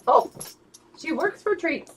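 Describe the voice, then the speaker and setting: Kids' show host: woman, very high and bright, exaggerated sing-song teaching, slow word repeats. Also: big pitch swings, slight background noise. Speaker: children's phonics show host. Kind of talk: kids' show presenting, teaching words to children.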